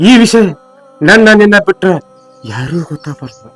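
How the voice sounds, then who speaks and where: A man's voice: sits high, fairly quick, faint music behind, close to an everyday voice. A man playing a stern old village father-in-law with a North Karnataka accent, scolding and then lecturing. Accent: North Karnataka Kannada. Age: older. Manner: scolding then forgiving, preachy. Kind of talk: village comedy-drama acting.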